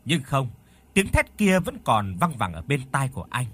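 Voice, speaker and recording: A man's voice: medium pitch, wildly swooping pitch, normal speed, fairly bright tone, a little hiss or hum. A man narrating a horror audiobook expressively, voicing the characters as he reads. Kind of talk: dramatic horror story narration.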